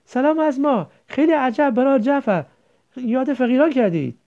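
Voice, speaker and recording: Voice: sits high, expressive, pitched above the performer's own voice. A narrator voicing an emotional, pregnant young village woman who speaks earnestly, in a dull lo-fi recording. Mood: welcoming.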